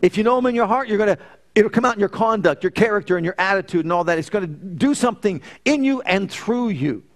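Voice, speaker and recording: A man's voice: high voice, lively intonation, fast talker. A middle-aged man preaching a sermon, emphatic, repeating phrases in threes and telling personal stories. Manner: tells personal stories with quoted dialogue.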